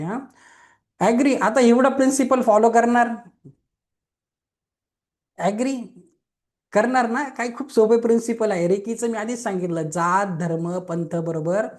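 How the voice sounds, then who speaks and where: A man's voice: high voice, a little mellow. A young man teaching a Reiki webinar, explaining simply and often checking in with listeners by asking if they agree. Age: young adult. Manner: explains simply with questions and everyday examples. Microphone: online webinar mic.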